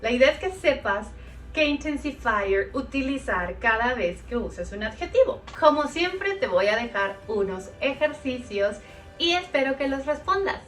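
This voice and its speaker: A woman teaching English grammar, speaking slowly and carefully and reading example words one at a time. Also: sits high, animated. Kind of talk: explaining grammar to learners. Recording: voice a bit far from the mic, soft music behind.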